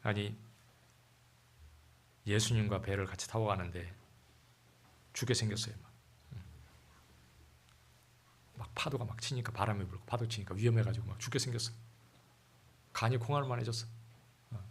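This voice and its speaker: A man's voice: medium pitch, husky. A man preaching a sermon in a church, talking with the congregation, asking them questions and reading scripture aloud. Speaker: pastor.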